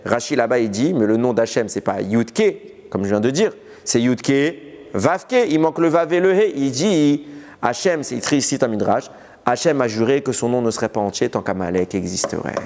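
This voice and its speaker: In a large hall, a rabbi with a mid-range voice gives a recorded Torah lesson. He teaches with energy, raising questions and then answering them himself.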